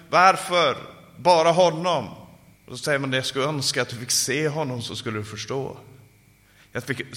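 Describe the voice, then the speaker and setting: A man preaching a sermon at a summer conference and closing in fervent prayer. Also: bright, forceful tone. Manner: fervent, rising to calls and dropping low in prayer. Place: conference hall. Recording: live sermon in a reverberant hall.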